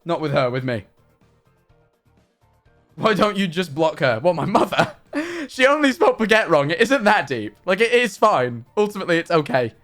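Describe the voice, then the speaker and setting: A young man streaming live, chatting in a rambling, animated, self-mocking way. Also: fairly high pitch, moderate pace, pauses often, soft background music. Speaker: livestreamer. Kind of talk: casual stream chat.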